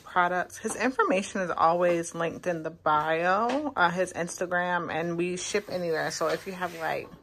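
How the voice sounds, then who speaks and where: A relaxed woman in her thirties chats straight to her viewers, filmed on a phone held at arm's length inside a parked car. Her voice sits a little low, and a faint hiss runs under it. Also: normal speed, few pauses. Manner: chatty, relaxed, speaks to viewers as a friend. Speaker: vlogger. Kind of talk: casual vlog talk. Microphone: phone camera at arm's length.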